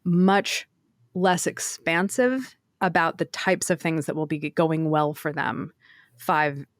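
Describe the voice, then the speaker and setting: Low-voiced woman podcast host, lively. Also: slow pace, dry recording, clean studio sound. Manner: animated, laughs often, acts out quoted survey answers. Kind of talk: casual podcast discussion.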